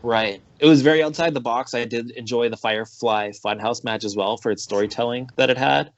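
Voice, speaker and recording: In a dry, muffled recording, a Canadian-accented pro wrestler talks briskly at medium pitch. He's relaxed and chatty during the interview, leaning on frequent fillers.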